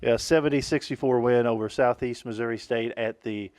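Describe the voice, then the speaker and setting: A man's voice: medium pitch, fairly even intonation, a little fast, a little mellow, no echo. Man radio host, upbeat ribbing. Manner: laughs easily, upbeat ribbing. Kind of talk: casual radio chat. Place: radio studio.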